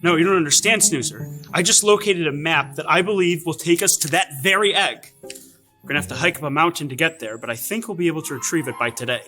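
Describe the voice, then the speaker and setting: A man's voice: a little high, fast, bright, forceful tone, faint music behind. A man voicing an earnest, dramatic adventurous friend in a children's cartoon. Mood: amazed.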